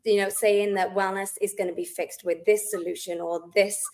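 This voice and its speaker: Steady and darkish in tone, this mid-range female voice keeps a moderate pace. The speaker is a Welsh-accented woman from South Wales who runs a wellness business, chatting warmly with frequent ums as a guest in a casual interview.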